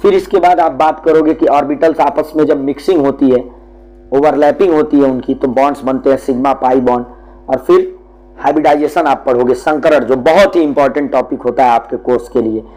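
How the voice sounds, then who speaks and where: A man's voice: fairly high pitch, darkish tone, rough recording. Fatherly chemistry teacher. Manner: explains patiently, calls students "beta". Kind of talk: classroom syllabus lesson.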